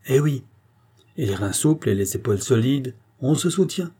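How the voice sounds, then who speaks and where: A man voicing a boisterous old former clown who runs a gym, hearty and loud. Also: mid-range voice, expressive, normal speed, slightly rough, voice pushed up.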